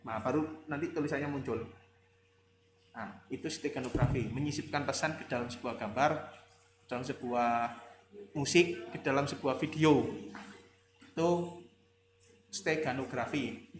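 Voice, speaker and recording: A man's voice: mid-range voice, measured pace, long pauses. A male lecturer giving a conversational classroom lecture, rambling with fillers and rhetorical questions, with a slight tinge. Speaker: university lecturer. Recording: echoey room with faint ambient noise.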